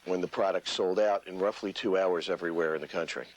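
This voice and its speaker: A man's voice: low-pitched, fairly even intonation, quick pace, rough recording. A man giving an interview soundbite as a company executive.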